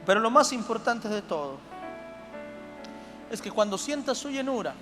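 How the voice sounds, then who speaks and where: A pastor preaching a sermon in a church hall with a Mexican Spanish accent, moving from quiet, intimate talk to loud shouting. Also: male voice, very high-pitched, sing-song, moderate pace. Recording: long church reverb with music underneath.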